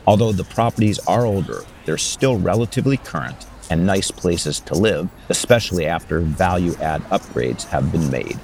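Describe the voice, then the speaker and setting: A man's voice: sits low, expressive, moderate pace, vocal fry, hardly any pauses, darkish tone, a little hiss or hum. An older man hosting an interview podcast, opening with an announcer-style intro and then chatting casually with a guest. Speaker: podcast host.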